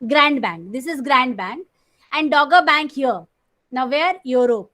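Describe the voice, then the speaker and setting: Marathi-accented lady teacher, screen recording of an online class, a bit high voice, goes over terms again and again. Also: animated, bright, forceful tone. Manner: explains slowly, repeating terms, clears throat often.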